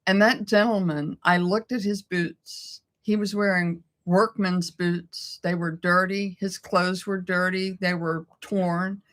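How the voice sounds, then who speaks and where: A woman's voice: lowish voice, fairly even intonation, takes it slowly, hardly any pauses, a bit bright. A middle-aged woman co-hosting a casual chat, telling a personal story in an emotional way and laughing often. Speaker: co-host.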